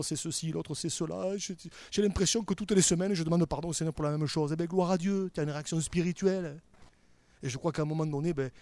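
A man preaching a sermon as a pastor, halting and repetitive, swinging from quiet reflection to emphatic bursts. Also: on the high side, no room sound.

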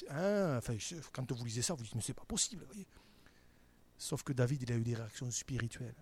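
A man preaching a sermon as a pastor. His delivery is halting and repetitive, with restarts and filler. It swings between hushed, reflective stretches and loud, emphatic bursts at a middling pitch. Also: husky.

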